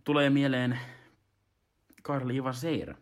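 A man's voice: mid-range voice, level tone. Man rambling in casual comedic talk. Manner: rambling, stop-start talk. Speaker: host.

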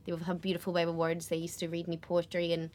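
A young actress from West Belfast, Northern Ireland, speaks with a West Belfast accent in an interview, chatting casually and effusively and repeating words for emphasis. Her voice is fairly low, monotone and a little mellow, and she talks fast.

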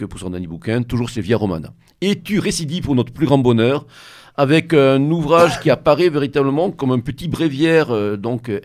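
A man's voice: medium pitch, a little mellow. A man hosting a radio interview, introducing his guest with a hesitant delivery full of fillers and restarts. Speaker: radio show host.

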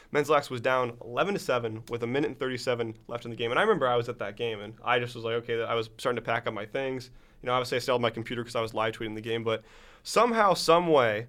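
A man's voice: medium pitch, a bit bright. A young man hosting a casual podcast, talking eagerly in long run-on sentences with lots of "like.". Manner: eager, run-on talker who fills with "like". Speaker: podcast host.

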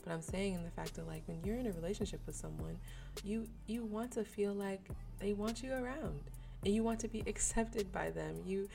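A woman's voice: mid-range voice, a little fast, gravelly, music in the background. A woman hosting her own podcast, talking earnestly and casually with slang and frequent restarts. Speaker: podcast host. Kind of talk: candid solo podcast talk.

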